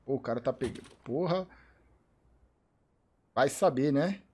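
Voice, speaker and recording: A man with a Brazilian Portuguese accent reacting live to an esports match, excitable and profane, repeating short cries. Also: mid-range voice, a little slow, slightly rough. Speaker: streamer commentating an esports match. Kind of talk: live game reaction commentary.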